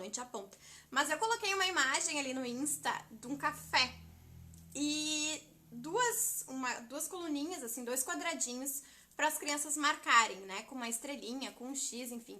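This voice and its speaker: A woman, giving a chatty, animated live-stream talk on teaching children to spell. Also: high voice. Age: 30s. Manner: chatty, animated, addresses viewers as "gente". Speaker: literacy teacher educator.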